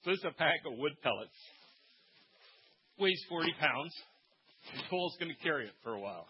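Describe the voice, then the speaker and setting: Man preaching a sermon, somewhat high voice, husky, animated, dull lo-fi recording. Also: fairly quick. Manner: animated preaching, shouting the calls, joking asides. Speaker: pastor.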